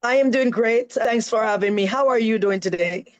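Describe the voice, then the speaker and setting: A woman's voice: a little high, moderate pace, low-quality recording. Jamaican woman, interview guest, earnest and emphatic, keeps adding "right?". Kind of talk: live-stream interview, telling her story.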